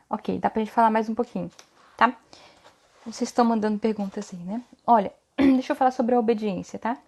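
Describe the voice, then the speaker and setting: An adult mother with a high, slightly mellow voice hosts a relaxed live stream for other mothers. Her tone is sincere and coaching, and she keeps ending phrases with a quick, questioning "tá?" to make sure listeners are keeping up.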